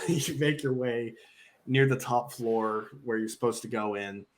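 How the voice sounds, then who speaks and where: A man narrating as the game master of a tabletop game, relaxed and rambling with many fillers. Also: mid-range voice, unhurried, a little hiss or hum.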